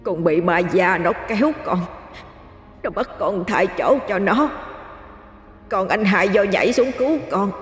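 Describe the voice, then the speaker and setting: A storyteller voicing the ghost of a drowned girl speaking through a possessed woman, hushed and sobbing. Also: mid-range voice, reverberant, long reverb tail, natural voice.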